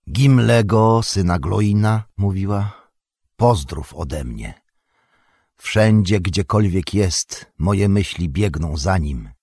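A man voicing a solemn grey-bearded old male wizard in an audiobook, measured and commanding. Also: sits low, darkish tone, breathy edge, no echo, studio quality, exaggerated voice. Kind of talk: audiobook character voice.

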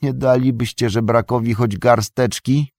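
A man voicing a bitter, scornful fallen old wizard turned beggar, with a gravelly, husky voice and drawn-out mocking speech. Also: a bass voice, animated, a little mellow, dry recording, studio quality, heavily acted. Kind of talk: audiobook character reading.

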